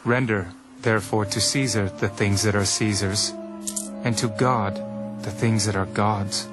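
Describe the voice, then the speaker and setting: An actor playing Jesus in a scripture audio drama, a teacher speaking parables with solemn, measured authority. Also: male voice, on the low side, steady tone, natural voice. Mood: stern. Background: music.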